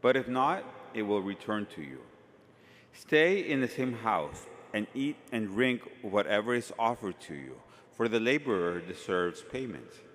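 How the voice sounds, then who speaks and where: Male priest, fairly low voice, solemn church delivery, long cathedral echo. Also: sing-song, a little slow, fairly bright tone. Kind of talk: gospel reading and homily at Mass. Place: large reverberant church.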